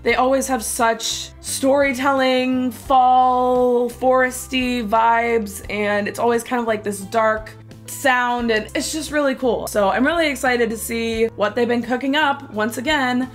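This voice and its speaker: A music reaction vlogger with a stuffy nose from a cold chats enthusiastically about a new song, gushing and using plenty of fillers in casual conversation. Her voice is a little high, unhurried and fairly even in intonation, with soft music playing in the background.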